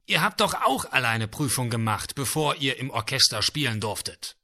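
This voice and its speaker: A man's voice: mid-range voice, very animated, moderate pace, pushed and bright, voice pushed up. A man voicing a flustered but kindly orchestra conductor in a told story, speaking in a raised, coaxing, reasonable way.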